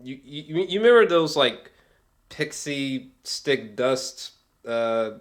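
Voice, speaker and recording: A man with a medium-pitched, animated voice chats casually as an amateur film reviewer, geeky and gushing. He swears freely and keeps tripping back over his words, halting, repeating himself and often breaking into chuckles.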